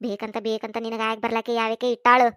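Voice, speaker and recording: A woman voicing an excitable gossiping village woman with a North Karnataka Kannada accent, in a cartoon. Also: a little high, quick pace, smooth, dry recording, studio quality, close to an everyday voice.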